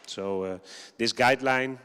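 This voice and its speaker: A man's voice: mid-range voice, unhurried, a bit bright, clean tone. A man from the Netherlands, giving a conference presentation in English and explaining steadily with frequent ums. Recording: long hall reverb.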